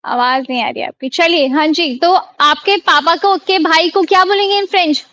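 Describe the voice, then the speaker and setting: A woman's voice: extremely high pitch, measured pace, bright, forceful tone, dry recording. An Indian woman teaching a French class over a video call, quizzing her students and repeating each word. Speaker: online French tutor. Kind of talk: live online class teaching.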